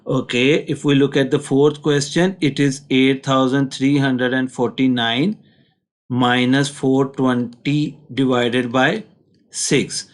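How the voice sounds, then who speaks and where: A man's voice: medium pitch, level tone, slow. A man with a Pakistani accent teaching a maths lesson step by step, in a patient, instructional way.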